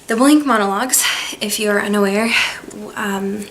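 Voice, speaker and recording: A young woman talking to camera in a personal, reflective vlog, hesitant and soft-spoken, with pauses and restarts. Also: mid-range voice, slight background noise, rough recording. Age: young adult. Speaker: vlogger.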